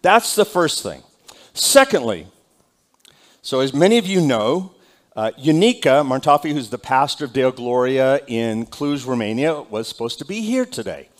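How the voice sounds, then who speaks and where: A man's voice: mid-range voice, lively intonation, moderate pace. Pastor type, man, easygoing announcements voice, talks off the cuff with plenty of "uh"s. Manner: casual, conversational, with frequent fillers and restarts. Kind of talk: church announcements and onstage interview. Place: church sanctuary.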